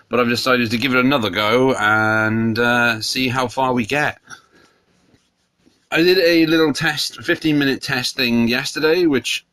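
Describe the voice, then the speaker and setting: A man hosts a solo podcast in a casual, rambling, opinionated way, sounding congested from a cold. His mid-range voice is pushed and bright, and the recording is dry.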